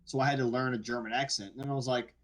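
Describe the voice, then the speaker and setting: A New Orleans-area actor, appearing as a guest on a casual podcast, tells stories in a medium-pitched, rapid-fire voice. He's animated and keeps restarting his sentences.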